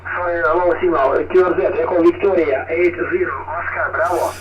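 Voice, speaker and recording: A man working as an amateur radio operator, heard over a ham radio receiver, reading call signs in the phonetic alphabet with hesitant pauses. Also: fairly high pitch, fairly even intonation. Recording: distant muffled noisy radio transmission.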